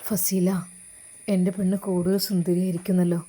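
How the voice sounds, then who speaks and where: A woman voicing a young husband who is affectionate but troubled, speaking low, soft and earnest. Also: level tone, normal speed, close to an everyday voice. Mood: tender.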